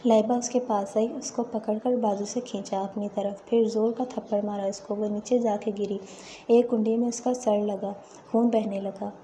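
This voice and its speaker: A woman narrating a dramatic story in a steady, even reading. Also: medium pitch, a little hiss or hum.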